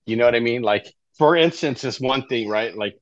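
A middle-aged man speaks as an interview guest, telling his life story in a loose, conversational way and checking in with "right?" again and again. His voice sits at an ordinary middle pitch. The recording is dull and somewhat lo-fi, with a dry sound and no room echo. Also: moderate pace. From Southern California. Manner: conversational, keeps tagging lines with "right?". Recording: dull, slightly lo-fi dry audio.

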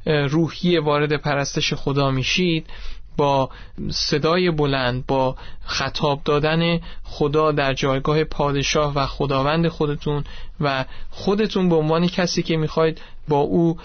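A man explaining a point about worship in a calm, explanatory way. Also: fairly high pitch, no echo. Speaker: preacher. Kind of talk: teaching on worship. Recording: dry, dull lo-fi recording.

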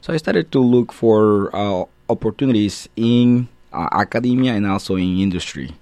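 A deep-voiced guest in his thirties, his plain in his English. He answers radio interview questions hesitantly, with many filler sounds. The sound is dry, with no room around it. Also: expressive, moderate pace, darkish tone, no room sound. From Guatemala. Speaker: guest, assistant professor.

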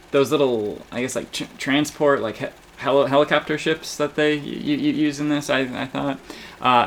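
A man's voice: medium pitch, a bit bright, a little hiss or hum. Hesitant, stammering man chatting. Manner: halting, many stammers and restarts. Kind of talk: casual chat.

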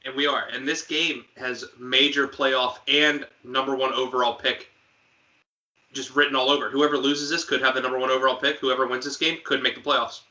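A man's voice: medium pitch, steady tone, sharp tone, lo-fi sound. A man co-hosting a podcast, chatting casually about football, quizzing his co-host and tossing in jokes. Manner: quizzing, joking, quick asides. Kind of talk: casual sports chat.

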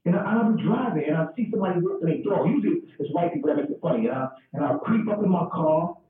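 Animated man on a tinny echoey call. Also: sits high, fast. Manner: animated, acts out voices and dog sounds. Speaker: stand-up comedian guest. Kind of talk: casual storytelling chat. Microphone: video call. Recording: echoey, distant, phone-like call audio.

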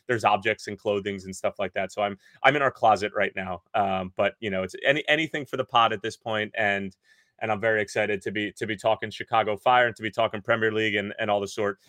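A man co-hosting a casual sports podcast, recording from inside a clothes closet at home and breaking down the news with quick energy. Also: fairly low pitch, bright, forceful tone, no echo. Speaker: podcast co-host. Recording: dry, deadened closet sound.

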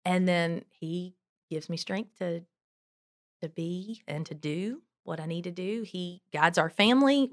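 Chatty, emphatic woman with a mid-range voice. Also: mid-range voice. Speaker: podcast guest, travel business owner. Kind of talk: conversational interview storytelling.

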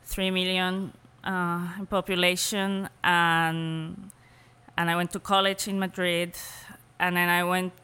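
Slow, bright-voiced Spanish-accented woman. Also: on the low side, flat delivery, clear, resonant tone, long reverb tail. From Spain. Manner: unhurried, thoughtful, laughs easily. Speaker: cheesemaker guest. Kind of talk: casual interview conversation.

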